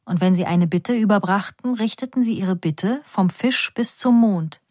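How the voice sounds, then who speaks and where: A woman reading a first-person story aloud in a calm, measured, quiet voice. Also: medium pitch, no room sound, clean studio sound. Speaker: reader.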